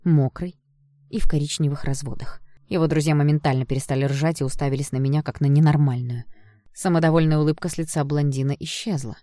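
A woman narrating a first-person audiobook in an expressive storytelling manner. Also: deep voice, fast, no echo, clean studio sound.

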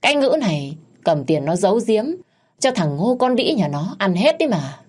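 A woman's voice: medium pitch, big pitch swings, moderate pace, darkish tone, husky, pitched above the performer's own voice. A woman voicing a spiteful old mother-in-law who screeches, scolds and wails in a storytelling recording. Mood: mocking. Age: older.

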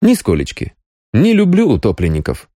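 A man voicing a weary grown man with a dry, wry humor, speaking low. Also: huge pitch swings, normal speed, mellow, dry recording. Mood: gentle.

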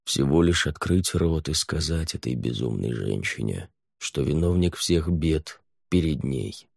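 Мужчина читает аудиокнигу размеренно и ровно. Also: male voice, very deep voice, gravelly, no room sound, clean studio sound. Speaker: narrator. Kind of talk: audiobook narration.

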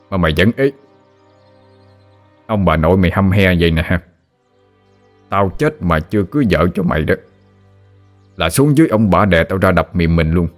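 Guy playing a nagging old southern vietnamese farmer dad, deep and gruff, teasing his boy. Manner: scolding, teasing. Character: grumbling old rural father nagging his son.

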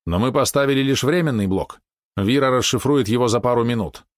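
A man voicing a calm, wry male hacker who talks with a smirk. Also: mid-range voice, fairly quick, no room sound, clean studio sound, voice pushed up, lightly acted.

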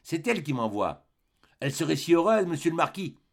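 A male audiobook reader voicing a calm priest who murmurs gentle pleas. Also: a little high, brisk, vocal fry, voice pushed up, full character voice. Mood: pleading.

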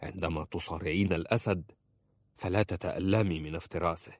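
A man's voice: deep voice, expressive, normal speed, no room sound, studio quality. A man voicing a stern, harsh husband who speaks in cold, commanding tones in an audiobook.

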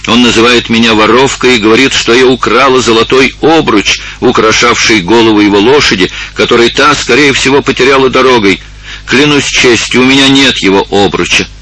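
A man's voice: low voice, expressive, normal speed, few pauses, sharp tone, a little hiss or hum, low-quality recording. A man voicing a frightened fifteen-year-old peasant girl who pleads urgently in an audiobook. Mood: desperate pleading.

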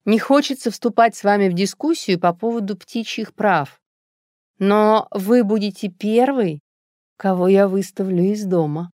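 A woman reading an audiobook, voicing a calm, sly young mother who answers with quiet mockery. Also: medium pitch, unhurried, no echo, clean studio sound, voice pushed up, close to an everyday voice. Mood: cool mocking. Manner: cool, quietly mocking.

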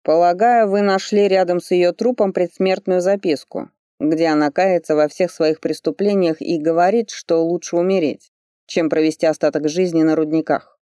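A reader voicing a stern, commanding male investigator who gives curt, slow, deliberate orders, lower than the narration. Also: fairly even intonation, mellow, clear, resonant tone, dry recording, clean studio sound, natural voice. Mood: cool, probing. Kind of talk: audiobook character voice.

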